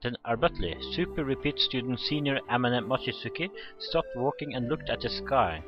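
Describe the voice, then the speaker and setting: A man with a mid-range voice reads a visual novel aloud at normal speed for a let's play, tripping over the text and tossing in his own reactions in a relaxed way. The highs are cut off, and visual novel game music plays behind him.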